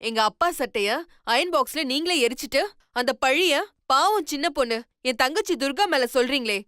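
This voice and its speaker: A woman's voice: sits high, animated, fairly quick, fairly bright tone, no echo, clean studio sound. A young actress playing a defiant young woman in a TV serial, speaking firmly and insistently. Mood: determined. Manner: firm, insistent, confrontational. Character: defiant young woman standing up for her sister. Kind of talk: TV serial acting. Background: music.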